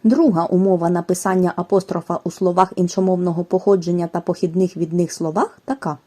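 A woman giving a scripted language lesson, reading rules and examples in a careful, measured way. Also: lowish voice, steady tone, warm tone. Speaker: language teacher. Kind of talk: scripted educational narration.

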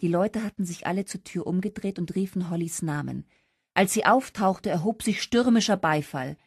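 A woman narrates an audiobook with lively, expressive storytelling. Her voice sits somewhat low, and the recording is close and dry. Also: normal speed, breathy edge, no echo. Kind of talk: scripted narration.

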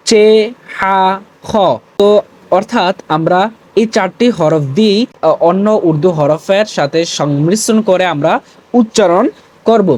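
A man's voice: high-pitched, a little mellow. A man with a Bangladeshi Bengali accent giving an online Urdu lesson, patiently drilling syllables one by one. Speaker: Urdu teacher.

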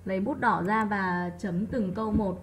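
In an online class, a woman English teacher goes through worksheet answers methodically, slowing down to sound out each example word and calling on students by name. Her voice is mid-range, and the background is noisy.

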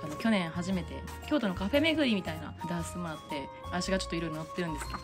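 A woman's voice: fairly low pitch, racing, music in the background. A young woman with a Kansai accent, chatting casually to camera in her apartment as a vlogger, rambling and laughing as she tells stories. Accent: Kansai Japanese. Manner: animated, laughing, rambling storytelling. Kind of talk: casual chatty night-routine vlog.

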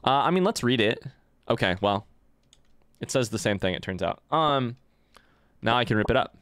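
A man's voice: medium pitch, lively intonation, normal speed, a bit bright, clear, resonant tone, no echo. A man chatting loosely while playing a video game, swearing freely and joking with his chat. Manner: loose and profane, jokey. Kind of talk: casual let's-play commentary. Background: game music.

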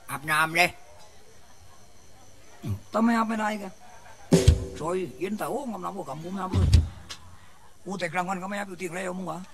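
A man with a Southern Thai accent, performing a comic shadow-puppet play in rough, joking banter. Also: high voice, low-quality recording. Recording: loud folk music behind.

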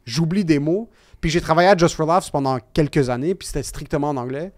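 Animated Québécois man telling stories. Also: fairly high pitch, fast talker. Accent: Québécois French. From Quebec. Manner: animated, self-mocking storytelling with frequent swearing. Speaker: comedian guest. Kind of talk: casual podcast chat.

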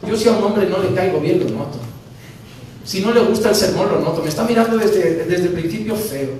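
Man, pastor, animated sermon, booming echo, faint hiss behind. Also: fairly quick. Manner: animated, acting out dialogues with humor. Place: church sanctuary. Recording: very echoey church from a distance, faint noise.

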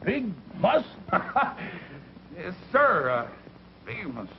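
An actor playing a folksy old backwoods man who drawls slowly and breaks into cackling laughs. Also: sits high, wildly swooping pitch, full character voice. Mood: teasing. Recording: muffled hissy 1940s film soundtrack.

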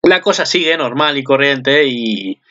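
Man hosting a casual commentary, crude and joking, rambling with fillers, bright tense tone, dull lo-fi mic. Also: mid-range voice, lively intonation, a little slow. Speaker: channel host. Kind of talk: casual commentary on an anime preview.

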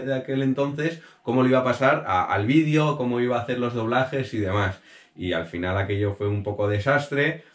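A man in his thirties from Madrid answers questions in a relaxed, easygoing tone, often agreeing with quick short replies. He is seated on a sofa in a small room, picked up by a camera set a few feet away, so his voice carries a roomy echo. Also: mid-range voice. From Madrid, Spain. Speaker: guest youtuber and runner. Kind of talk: casual sit-down interview. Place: small bedroom sitting on a sofa. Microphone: camera on a tripod a few feet away.

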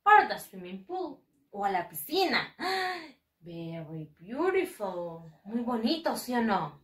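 A woman teaching English to first graders in a bilingual lesson, slow and exaggerated, patiently repeating words for the children to copy. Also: fairly high pitch, very animated, distant mic. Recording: echoey room, speaking away from the mic.

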